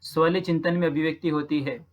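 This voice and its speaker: A man's voice: on the high side, steady tone, brisk. A man from Rajasthan who teaches, patiently talking through practice exam questions and repeating each answer with frequent check-ins. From Rajasthan, India.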